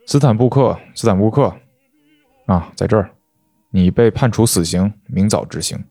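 A man's voice: lowish voice, normal speed, mellow, no echo, clean studio sound. A man voicing a brusque adult male military officer in a story reading. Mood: curt.

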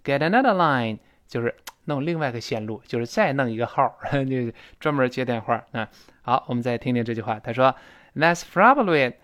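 A man's voice: mid-range voice, fairly even intonation. Man teaching spoken English, chatty. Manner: explains pronunciation and repeats words slowly in English; chatty, with little asides and soft laughs.

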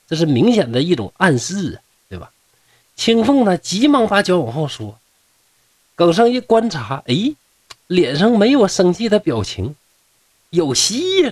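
This storyteller is a middle-aged man with a Northeastern Mandarin accent and a slightly rough, slightly high voice. He recounts a classic folk tale comically and folksily, tossing asides to his listeners, with no room sound in the recording.

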